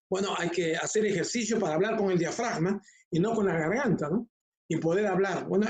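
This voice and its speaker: Speaking to a laptop microphone from close by, an older homiletics professor teaches an online class. His manner is calm and conversational, and his voice is high-pitched.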